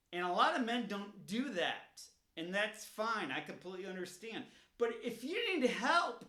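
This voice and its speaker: A man's voice: high-pitched, bright, forceful tone, reverberant. A man speaking earnestly to camera in a personal vlog, pleading and repeating himself as he urges viewers to reach out. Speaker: vlogger. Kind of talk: personal awareness message.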